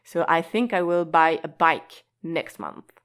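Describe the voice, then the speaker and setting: A woman with a low, expressive voice teaches a language lesson over the internet, her tone fairly bright, clear and resonant. She explains things slowly and patiently, elongating key words and laughing gently at times.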